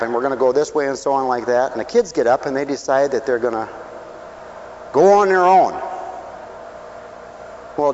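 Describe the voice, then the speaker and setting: A man preaching a sermon, swinging between loud calls and low asides and asking the crowd questions. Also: highs cut off, slight background noise.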